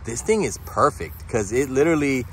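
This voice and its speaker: A man's voice: medium pitch, animated, brisk. Guy filming his buddy fishing, chatty, talks to the viewers, outdoors with faint traffic hum. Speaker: fishing vlog co-host filming. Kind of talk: casual outdoor vlog chat. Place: outdoors by a golf course pond.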